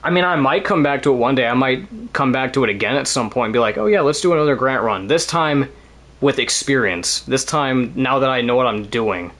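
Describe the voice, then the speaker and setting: A man's voice: mid-range voice, expressive, a little fast, a bit bright. A man streaming a video game, talking casually in a rambling way, swearing now and then and laughing often. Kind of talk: casual let's-play commentary.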